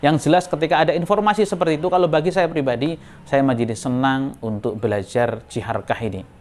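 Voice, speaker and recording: A man's voice: on the high side, darkish tone. A man teaching a Quran recitation melody, explaining the steps and showing them. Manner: explains a melody and then chants the verses slowly. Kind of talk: recitation lesson.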